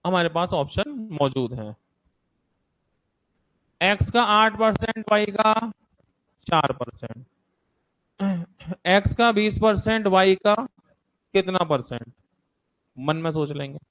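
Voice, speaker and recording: A man's voice: sits high, animated, takes it slowly, long pauses, fairly bright tone. A man teaching a maths class to seated students, repeating numbers and steps aloud and checking that students follow.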